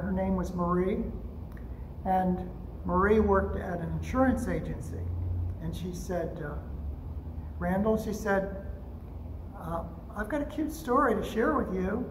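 An older man preaching a storytelling sermon from a pulpit microphone in a church sanctuary, unhurried and gentle, with frequent pauses. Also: sits high, noisy background. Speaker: pastor. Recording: echoey sanctuary with faint ambience.

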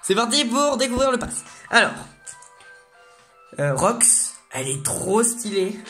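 An excitable gamer talks casually through new game content at a middling pitch, reading the menus aloud and cheering at each new item. Faint game music plays underneath. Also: unhurried. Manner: excitable, reads menu text aloud. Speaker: gaming video host. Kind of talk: casual gameplay commentary.

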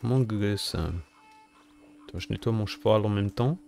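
A man's voice: lowish voice, measured pace, creaky, darkish tone, faint music behind. A man co-hosting a gaming video, chatting casually and jokily with a friend as he plays. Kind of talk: casual gameplay commentary with a friend.

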